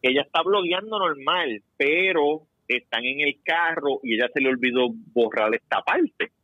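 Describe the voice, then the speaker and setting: A man's voice: fairly high pitch, normal speed, no echo, highs cut off. A man hosting a casual podcast, telling stories animatedly and swearing casually. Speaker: podcast host.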